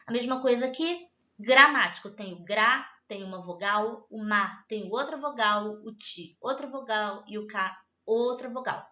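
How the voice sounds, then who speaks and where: A woman's voice: a little high, unhurried, few pauses, bright, forceful tone. A woman with a Brazilian Portuguese accent teaching a grammar lesson, patient and often checking that listeners follow. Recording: echoey room, dull lo-fi sound.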